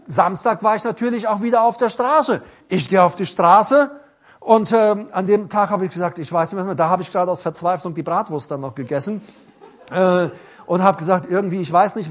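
A middle-aged man preaching a sermon, telling personal stories in an animated way with some stammering. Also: sits high.

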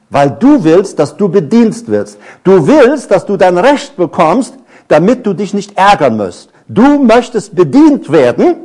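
High, lively middle-aged male preacher. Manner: animated, asks the congregation many questions; tells personal stories. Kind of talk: sermon.

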